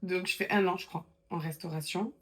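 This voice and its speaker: Femme bavarde à la voix un peu grave. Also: female voice, lowish voice, fairly even intonation, a little fast, a bit bright. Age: 20s. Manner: chatty storytelling, many fillers and restarts. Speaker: guest. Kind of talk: casual interview chat.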